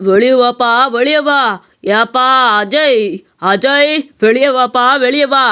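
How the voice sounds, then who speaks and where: A woman voicing a solemn male astrologer who slowly pronounces doom in an animated story. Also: sits high, clean tone, lo-fi sound. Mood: ominous. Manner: slow, doom-laden pronouncements.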